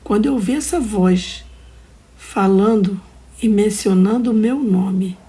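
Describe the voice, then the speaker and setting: A woman's voice: medium pitch, measured pace, mellow. A woman telling a first-person religious testimony in a solemn, dramatic way, sometimes dropping to a whisper. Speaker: testimony narrator.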